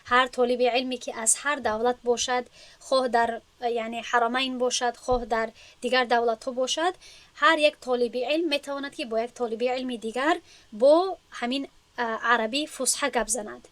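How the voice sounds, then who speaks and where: A woman teacher, her voice pitched somewhat high, speaks in an earnest, instructive lecture manner, often restating a point in other words. The recording is dry and close, with no room sound. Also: steady tone, fairly bright tone, dry recording. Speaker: teacher at an Islamic school for women. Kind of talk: lecture to students.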